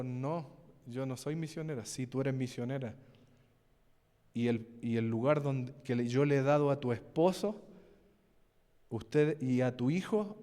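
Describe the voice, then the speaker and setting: A man's voice: a little high, darkish tone. A man, a pastor preaching a sermon and telling a personal testimony, often asking the congregation questions. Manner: storytelling, asks the congregation questions. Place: church hall. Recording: long hall reverb.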